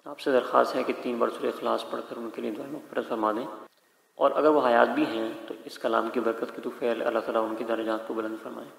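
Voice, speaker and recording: Gravelly man teaching Quran pronunciation. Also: medium pitch, fairly bright tone. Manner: patient, explains then drills letters slowly and deliberately. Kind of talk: slow spoken tajweed lesson with drilled syllables. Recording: echoey room with long reverb.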